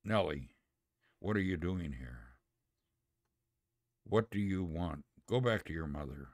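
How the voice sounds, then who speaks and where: Hardened male convict, gruff and raw, read by a man, very deep voice. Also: unhurried, a little mellow, no echo, clean studio sound. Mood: angry. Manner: snapping, then pleading.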